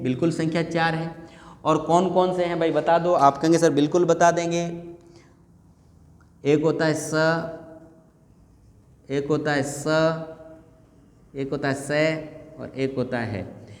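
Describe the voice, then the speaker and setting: A man's voice: fairly high pitch, a little slow, long pauses, darkish tone. A man teaching a Hindi grammar lesson for exam prep, asking questions and answering them himself. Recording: echoey room with long reverb.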